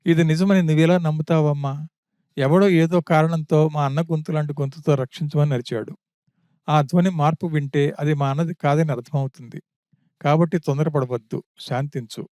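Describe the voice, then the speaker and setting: A man's voice: fairly high pitch, darkish tone, no room sound, studio quality, close to an everyday voice. A man voicing a loyal younger prince who earnestly explains himself to his elder brother, in an audiobook of an epic.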